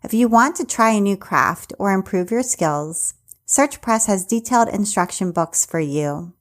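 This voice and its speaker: Woman podcast host reading her intro. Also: mid-range voice. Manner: reads ads and intros smoothly, upbeat. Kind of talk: scripted intro and interview.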